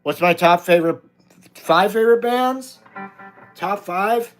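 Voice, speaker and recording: An unhurried, high-voiced middle-aged man from the US chats on a live stream, reading comments from viewers in a blunt, casual way. Loud guitar music plays behind him.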